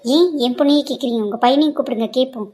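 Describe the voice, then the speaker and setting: A woman's voice: high voice, rapid-fire. A woman voicing a middle-aged mother who angrily defends her daughter. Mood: angry. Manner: forceful, accusing.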